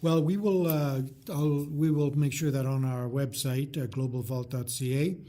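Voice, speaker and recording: A man's voice: mid-range voice, fairly even intonation, moderate pace, dark tone. A man hosting a casual interview podcast in an informal, meandering way. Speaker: podcast host.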